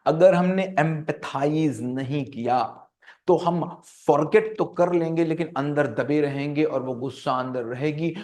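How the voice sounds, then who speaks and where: A man's voice: mid-range voice, darkish tone. Earnest man giving a motivational talk. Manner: earnest, repeats phrases for emphasis, mixes English terms into Hindi. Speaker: parenting and life-skills speaker.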